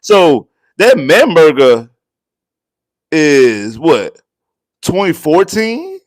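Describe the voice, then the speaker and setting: A man hosting a postgame livestream, talking in a casual, repetitive, animated way. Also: on the high side, extremely slow. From United States. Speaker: sports show host. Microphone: desk mic.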